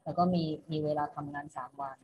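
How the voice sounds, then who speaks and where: This online class is led by a woman teacher with a deep voice that barely moves in pitch, speaking fast. She patiently goes over every instruction again, tacking a polite particle onto each phrase end, and the recording is muffled with faint noise.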